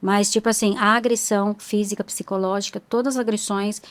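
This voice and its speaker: A woman guest on a podcast, soft-spoken and gentle, telling her own story in conversation. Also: mid-range voice, steady tone, brisk. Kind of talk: personal testimony in conversation.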